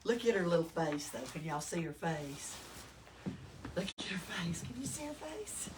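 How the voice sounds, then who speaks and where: In a lowish voice and a Southern US accent, a woman reads a picture book to children at library storytime, reading expressively and pausing to ask them questions. It was recorded indoors from a distant mic, with noticeable room noise.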